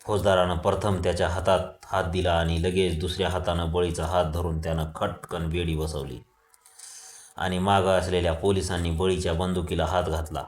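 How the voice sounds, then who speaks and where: Deep, even-voiced male storyteller. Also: normal speed, roomy sound. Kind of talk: audiobook reading of a Marathi novel.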